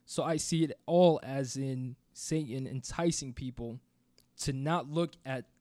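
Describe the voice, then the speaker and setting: A man at a middle pitch, talking through ideas on a podcast in a steady, reflective way. The sound is dry and close. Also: unhurried, no room sound. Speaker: podcast co-host. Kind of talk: casual discussion.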